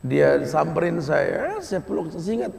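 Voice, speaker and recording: A man with a Betawi Jakarta accent preaching a storytelling sermon, dropping to soft hushed passages and rising to loud urging. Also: on the high side, very animated, measured pace, creaky, slight background noise. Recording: echoey hall reverb.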